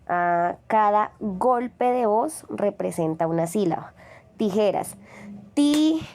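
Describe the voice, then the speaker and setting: A woman teaches children in a recorded lesson. She speaks slowly and patiently and draws words out syllable by syllable. Her voice sits at an ordinary middle pitch. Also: darkish tone. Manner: slow, patient, stretches out syllables to demonstrate.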